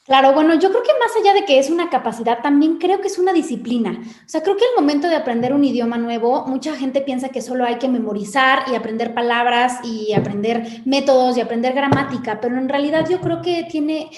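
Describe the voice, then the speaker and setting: A woman's voice: sits high, a little fast, few pauses, a little mellow, roomy sound. A woman with a Mexican Spanish accent, an English teacher explaining things in casual chat and often adding "¿no?" tags. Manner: explanatory, uses many "¿no?" tags.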